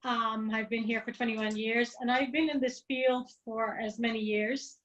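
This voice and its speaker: A woman from the Netherlands, an intercultural coach, briskly introducing herself on a video call. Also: a little high, steady tone, a bit bright, lo-fi sound.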